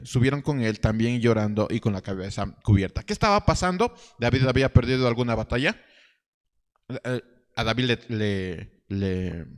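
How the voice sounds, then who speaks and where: A man preaching a sermon as pastor, telling a story with rhetorical questions and halting restarts. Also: medium pitch, long reverb tail. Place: church hall.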